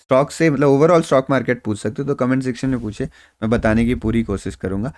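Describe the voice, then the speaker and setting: A man explains market moves in a relaxed, conversational way, reassuring his viewers and dropping English phrases in as he goes. His voice sits at an ordinary middle pitch. The recording is close and dry, with no room sound. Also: quick pace, dry recording. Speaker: stock market trader and YouTube host. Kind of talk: casual explanatory market analysis.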